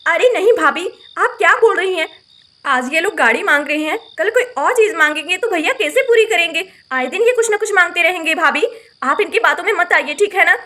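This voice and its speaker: Woman voicing a sharp-tongued, outspoken young bride. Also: very high-pitched, animated, brisk, full character voice. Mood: indignant. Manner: indignant, blunt, argumentative.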